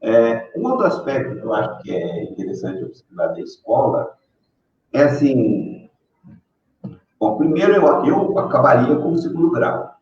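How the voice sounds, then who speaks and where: A man's voice: mid-range voice, very animated, moderate pace. An older man talking casually as a professor guest on a live stream, rambling with frequent tag questions and fillers. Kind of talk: casual opinion talk. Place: room on a live video call. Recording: distant, echoey, dull lo-fi sound with faint noise.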